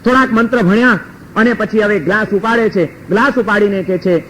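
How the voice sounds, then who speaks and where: A man preacher giving a sermon, telling a story in a lively, animated way. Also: sits high, a little fast, slight background noise, rough recording.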